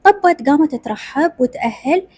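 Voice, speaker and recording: A woman's voice: sits high, animated, normal speed, a little mellow, no echo. A woman with an Iraqi accent narrating a rural family drama in the first person, acting out each character. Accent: Iraqi Arabic. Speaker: storyteller.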